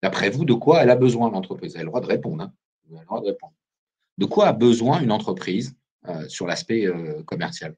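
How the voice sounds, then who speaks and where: A man's voice: fairly low pitch, lively intonation, fast talker, darkish tone, breathy edge. A man presenting a business webinar as a recruiter, talking animatedly and putting questions straight to his listeners over a video call microphone. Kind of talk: lively business webinar talk.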